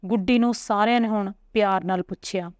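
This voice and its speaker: A woman narrating a serialized family story with a steady, earnest reading. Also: mid-range voice, fairly quick, no echo.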